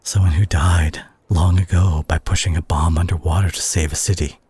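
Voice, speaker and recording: Voicing a worried superhero who confronts a reckless friend in an audio drama, a man speaks haltingly and earnestly, sounding somber and pained. His low, darkish voice stays steady in tone, husky and breathy, with no room sound.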